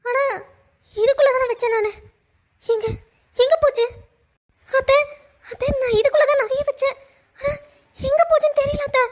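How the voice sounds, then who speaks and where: A woman voicing a gentle, trusting young daughter-in-law in a cartoon, pleading and tearful. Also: extremely high pitch, lively intonation, normal speed, pauses often. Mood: panicked, tearful. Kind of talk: cartoon voice acting.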